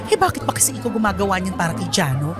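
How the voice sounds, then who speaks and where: A young woman with a Filipino accent and a medium-pitched voice acts in a radio drama as a nosy, teasing college best friend. She is whiny and complaining, and her lines are full of exclamations.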